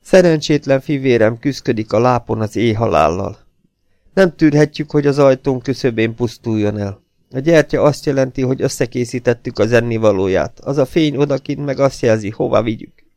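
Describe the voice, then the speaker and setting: A man puts on an anxious housekeeper woman in a storybook, her voice lifted high and pleading, with a gravelly edge underneath. She sounds close and dry, as if confessing a family secret in fear. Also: a little mellow, dry recording, natural voice. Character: frightened, pleading middle-aged housekeeper woman.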